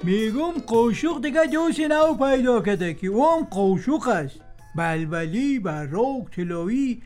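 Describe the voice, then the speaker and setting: A man's voice: extremely high pitch, lively intonation, a little mellow, faint music behind. A man with an Afghan Dari accent voicing a chatty, friendly kitchen utensil in a children's puppet show.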